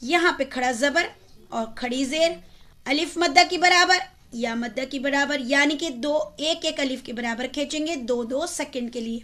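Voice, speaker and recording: Brief: female Quran reading teacher with a high voice, spells out letters, draws out syllables slowly, answers her own questions. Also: pushed and bright. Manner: asks the listener questions and answers them herself. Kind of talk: step-by-step recitation lesson.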